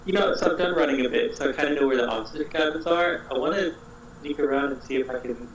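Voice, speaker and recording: A man's voice: mid-range voice, fast, slight background noise. A man playing a tabletop game, heard over group voice chat that cuts out, thinking aloud with hesitant ums. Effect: heard over group voice chat, cutting out. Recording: echoey room over online voice chat.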